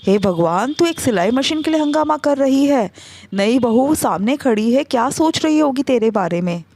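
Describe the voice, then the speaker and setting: A woman's voice: high voice, animated, moderate pace, darkish tone. A woman voicing a sensible middle-aged sister-in-law who scolds reproachfully.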